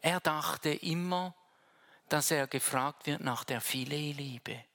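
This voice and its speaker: A pastor preaching a sermon to the congregation, swinging between hushed, low phrases and loud, raised ones, and talking to the listener directly and informally. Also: takes it slowly.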